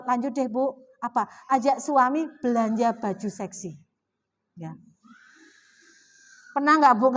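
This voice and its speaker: Woman, middle-aged, Javanese accent, high voice, chatty religious lesson, asks audience questions, mosque talk. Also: a bit bright. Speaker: Islamic women's study speaker.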